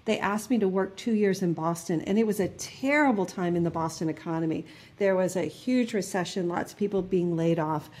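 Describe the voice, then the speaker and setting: A woman's voice: fairly low pitch, fairly quick, a little mellow. A woman in her fifties from New Jersey, guest in an interview, telling personal stories earnestly with many fillers and restarts. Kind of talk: reflective interview conversation.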